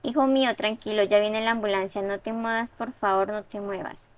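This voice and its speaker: A woman voicing a distraught mother who pleads with her hurt son and blames a neighbor, read quietly and subdued. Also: medium pitch, fairly even intonation, normal speed, natural voice. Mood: pleading.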